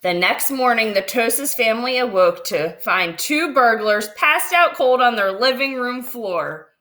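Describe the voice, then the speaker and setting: A woman reading a children's picture book aloud as a storyteller, with expressive, drawn-out dramatic phrasing. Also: fairly high pitch.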